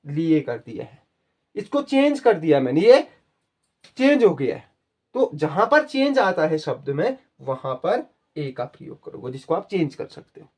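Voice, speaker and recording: A man's voice: a little high, sing-song, moderate pace, a little mellow. A man teaching a Hindi spelling and pronunciation lesson, explaining patiently to students and repeating words. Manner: addresses viewers as children. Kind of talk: spoken grammar lesson.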